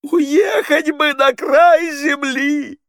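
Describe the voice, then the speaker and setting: A man reading aloud, voicing a heartbroken woman who wails and laments in a slow, drawn-out way. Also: extremely high pitch, fairly even intonation, fairly bright tone, no echo, studio quality, voice pushed up, full character voice. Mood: wailing lament. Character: wailing heartbroken young woman on stage.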